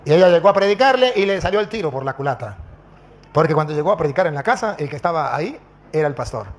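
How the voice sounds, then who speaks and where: High-voiced preaching priest, animated. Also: male voice, quick pace. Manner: animated, quotes scripture and acts out dialogue. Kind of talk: preaching with told stories.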